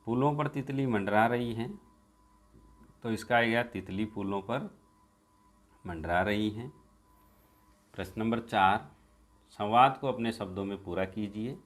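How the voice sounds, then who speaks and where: Here a man teaching from a school workbook, his pitch fairly low, voices each exercise and follows with the answer. For the jumbled sentences, he slows his pace and emphasizes them.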